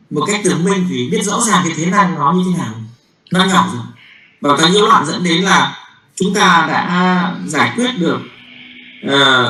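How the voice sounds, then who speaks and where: A man giving a university physics lecture. He talks haltingly, with many fillers and repeated words, and keeps checking with the class. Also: fairly high pitch, pushed and bright, reverberant, rough recording.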